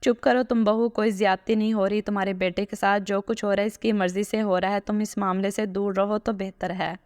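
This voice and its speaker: A woman's voice: medium pitch, flat delivery, clear, resonant tone, no room sound, studio quality, lightly acted. A woman voicing a commanding elderly grandmother who rules the household, in a read-aloud story. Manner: authoritative, brisk.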